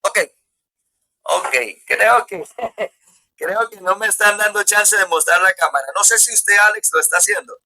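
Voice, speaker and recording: A man, a pastor on a video call in a religious debate, speaking haltingly with restarts. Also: high-pitched, bright, forceful tone, low-quality recording. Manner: halting, fumbles with his camera and restarts words.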